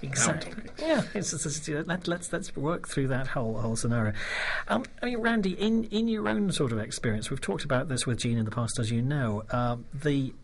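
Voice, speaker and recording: A man's voice: mid-range voice, animated, moderate pace, few pauses. A British man hosting a radio show, chatting in a rambling, friendly way and laughing often. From Britain. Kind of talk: casual radio chat.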